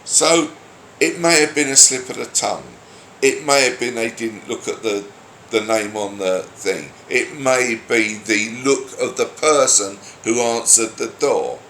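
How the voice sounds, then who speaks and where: Here the grumpy commentator keeps a measured pace, his medium-pitched voice a little bright. It's an improvised solo rant, full of swearing, bluntness and exasperation. The audio carries a roomy echo and some faint noise.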